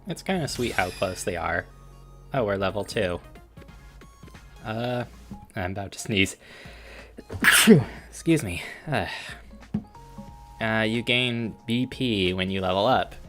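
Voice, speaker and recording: Low-voiced man streaming a game. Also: a little slow, long pauses, faint music behind. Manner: relaxed, reads out game menus with filler ums. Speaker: gaming streamer. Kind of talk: casual let's-play commentary.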